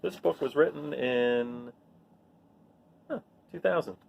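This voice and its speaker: Slow and gravelly, this man's mid-range voice reads a picture book aloud with plenty of expression. He acts out the lines and drops in casual asides like a storyteller sharing the book.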